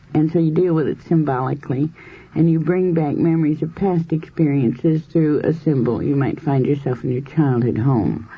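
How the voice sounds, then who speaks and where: Husky woman lecturing on old tape. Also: sits low. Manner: measured, explanatory, with everyday examples and some fillers. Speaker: hypnosis and past-life researcher lecturing. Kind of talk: lecture to a group. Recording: dull lo-fi 1970s tape recording.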